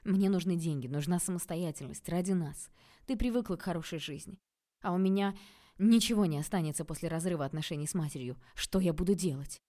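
Woman voicing a soft-spoken guilty young man. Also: on the low side, fairly quick, lightly acted. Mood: pleading. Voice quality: quiet, hushed.

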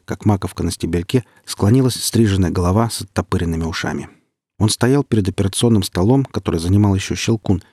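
Husky guy reading an audiobook, dry close mic, steady. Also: sits low, no room sound. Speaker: audiobook reader. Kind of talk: scripted narration.

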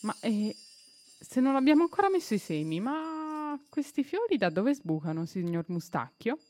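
A woman's voice: on the high side, very animated, normal speed, a little mellow, dry recording, voice pushed up. A woman voicing a polite, earnest young boy speaking respectfully to his elder. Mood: wondering.

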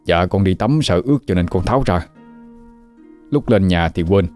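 A man's voice: deep voice, expressive, normal speed, a little mellow, soft background music. A man voicing a young village man explaining himself sheepishly.

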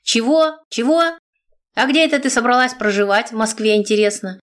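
A woman reading an audiobook, voicing a bossy middle-aged godmother who scolds coarsely and loudly. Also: fairly high pitch, normal speed, lightly acted. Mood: scolding.

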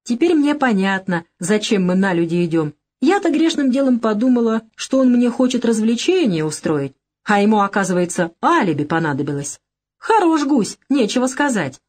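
A woman's voice: fairly high pitch, big pitch swings, normal speed, a little mellow, voice pushed up. Woman reading a sly, teasing young woman.

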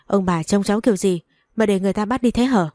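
A woman's voice: mid-range voice, quick pace, warm tone, no echo, studio quality, lightly acted. A woman voicing a fierce, protective young village mother who scolds and threatens in fury. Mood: furious.

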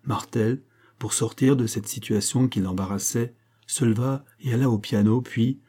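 A man reading a classic novel aloud as an audiobook narrator, telling it in a steady, even way. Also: mid-range voice, moderate pace, husky.

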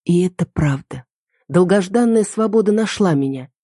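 A woman's voice: on the low side, expressive, normal speed, warm tone, dry recording, clean studio sound. A woman narrating a first-person story dramatically as an audiobook reader.

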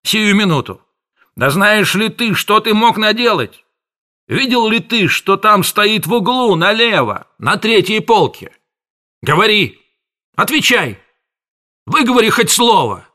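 A man reading an audiobook, voicing a pompous middle-aged male pharmacist who rants and scolds in a loud, raised voice. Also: high voice, sing-song, a little slow, voice pushed up, exaggerated voice. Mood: ranting, scolding. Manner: shouting scolding tirade.

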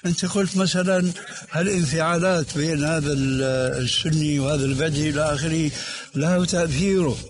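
A man as a religious scholar in a recorded discussion, answering a questioner point by point in a measured, corrective way. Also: on the high side, over music. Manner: measured, corrective, asks to take points one at a time. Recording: hissy old cassette tape recording.

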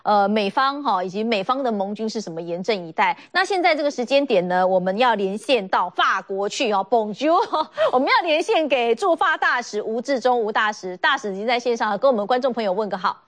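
A woman's voice: a little high, lively intonation, a bit bright. Woman hosting political talk. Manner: brisk, frequent sentence-final particles. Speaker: talk show host.

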